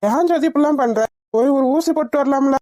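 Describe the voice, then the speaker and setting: A woman's voice: high-pitched, fast, warm tone, dry recording, clean studio sound, natural voice. A woman voicing a stern middle-aged father in a homemade cartoon, speaking firmly. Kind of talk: cartoon dialogue.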